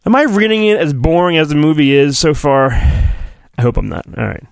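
Here a middle-aged podcaster goes it alone, rambling casually and hamming up a storybook reading with self-deprecating humor. His fairly high voice has a creaky edge and lively intonation at a moderate pace, recorded with no echo and studio quality.

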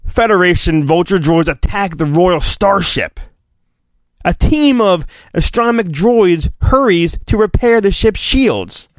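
A man hosting a solo podcast gives a mock-dramatic reading of a children's storybook, theatrical and full of drawn-out emphasis and flippant asides. His high-pitched voice is animated, and the recording has no room sound.

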